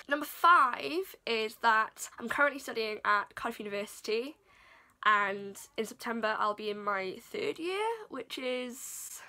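A woman from South Wales in her twenties chats in a bubbly, self-deprecating way in a casual vlog from her small bedroom, filmed on a camera at desk distance. Her voice is on the high side, bright and forceful.

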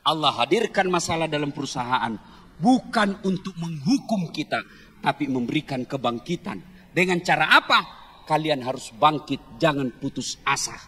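Man preaching, high voice, husky edge, joking with the crowd, echoing hall. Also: expressive, normal speed, bright, forceful tone. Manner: jokey, teasing the audience, then earnest. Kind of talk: humorous sermon to a crowd. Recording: long hall reverb.

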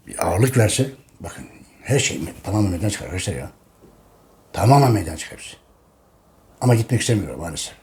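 A man's voice: on the low side, mellow, a little hiss or hum. A man hosting a casual history monologue, talking emphatically and repeating his points while addressing his listeners as friends. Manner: emphatic, preaching tone. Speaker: history channel host.

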